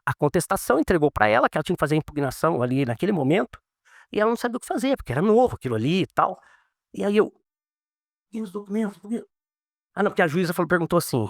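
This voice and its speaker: Lawyer guy telling stories in an interview, talks quick, does the voices in his quotes, dry sound. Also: a little high, creaky, no echo. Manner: animated, acts out quoted dialogue. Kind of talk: casual storytelling in an interview.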